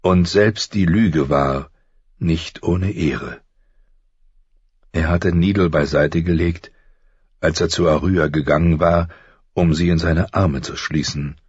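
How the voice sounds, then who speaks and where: A man narrating a story in a calm, measured style. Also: low voice, breathy edge, no room sound, dull audio. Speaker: audiobook narrator. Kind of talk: scripted narration.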